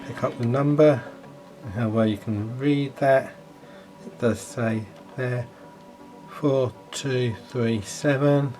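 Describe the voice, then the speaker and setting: A man's voice: medium pitch, steady tone, slow pace, mellow, faint music behind. Man giving casual model railway commentary. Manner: playfully spooky, exclaiming in mock surprise at times. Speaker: model railway hobbyist and reviewer. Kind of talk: casual hobby video commentary.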